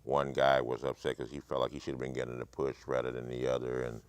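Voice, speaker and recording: A man with an extremely deep voice that comes across smooth and resonant, chatting casually on a panel. He speaks in a calm, measured way and mostly agrees with the others. The sound is dry and close. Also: no echo. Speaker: podcast co-host, former wrestling worker.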